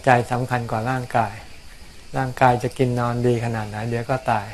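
A man, a Buddhist monk, answering questions about practice in a calm, explanatory way, often repeating words. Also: medium pitch, a little fast, slight background noise. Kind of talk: casual dharma Q&A. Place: outdoors on a mountain.

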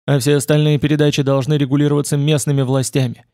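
A man voicing a forceful male protest leader who speaks loudly, commandingly and pressingly in an audiobook. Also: on the high side, little pitch movement, fast talker, dry recording, clean studio sound, close to an everyday voice. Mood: insistent.

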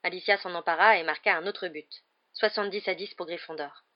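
A woman reads a novel aloud in a lively storytelling manner, her voice sitting fairly low. The recording is close to the mic but muffled and lo-fi. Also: brisk. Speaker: audiobook narrator. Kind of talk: scripted narration of a novel.

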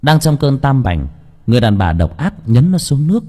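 Man, audiobook narrator, husky, expressive, lively pitch. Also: moderate pace. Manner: expressive storytelling.

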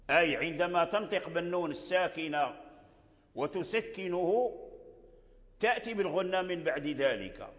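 An older man from Morocco teaching Quran recitation rules. He explains patiently, repeats key phrases and chants short examples. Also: high voice. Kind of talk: religious lesson on tajweed. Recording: long hall reverb.

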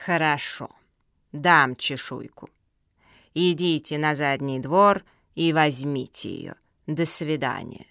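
A woman voicing a cunning, smug old female tortoise in a children's audiobook, with a slow, drawling, condescending way of talking. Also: low voice, expressive, gravelly, a bit bright, no room sound, studio quality, pitched below the performer's own voice, heavily acted.

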